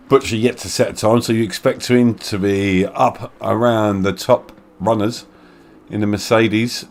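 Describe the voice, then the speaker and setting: Chatty low-voiced race commentator. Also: male voice, fairly even intonation, slow pace. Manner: chatty, laughs often, jokey asides. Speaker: sim racing commentator. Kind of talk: casual live race commentary.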